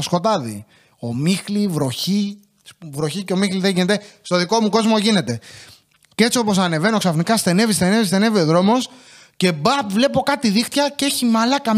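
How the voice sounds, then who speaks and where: A young man with a notably high-pitched voice rants through a casual comic monologue. He swears constantly and grumbles his way through his podcast stories. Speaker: podcast host.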